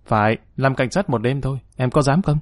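A man's voice: medium pitch, a little fast, no echo, close to an everyday voice. A man voicing a confident, protective leader who speaks in an easy-going, assured way, recorded dry. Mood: jovial.

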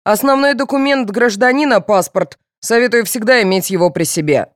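A woman's voice: fairly high pitch, moderate pace, no echo, studio quality, voice pushed up, close to an everyday voice. A woman reading the lines of a stern middle-aged male police officer in an audiobook, curt and commanding. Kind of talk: audiobook character voice.

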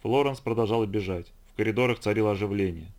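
A man narrating an audiobook in an even, measured way. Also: fairly low pitch. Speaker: audiobook reader. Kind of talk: scripted narration.

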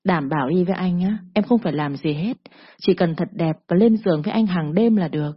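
A woman's voice: fairly low pitch, fairly quick, slightly rough. Báo Gấm, a woman doing a sneering gangster. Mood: menacing. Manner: sneering, bullying drawl. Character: swaggering male gangster loan shark, lewd and cocky. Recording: dull lo-fi recording.

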